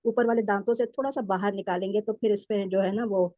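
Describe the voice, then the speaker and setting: A woman student in an online recitation class, carefully explaining how a letter is pronounced. Her voice is mellow and warm. The call audio is muffled and dry. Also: mid-range voice, fairly even intonation, dry recording. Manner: careful, explains pronunciation step by step. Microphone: video call. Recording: dull video call audio.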